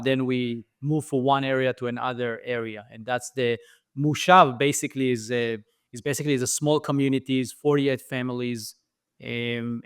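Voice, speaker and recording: His mid-range voice is smooth and fairly bright, captured in clean studio sound with no room sound. He's a middle-aged franchise founder with an Israeli accent, a thoughtful podcast interview guest whose storytelling is full of fillers and restarts.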